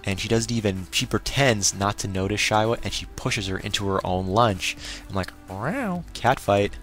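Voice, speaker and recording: Male anime reviewer with a slightly low voice for a casual recap, exclaims his opinions. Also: steady tone, normal speed, a bit bright, soft background music.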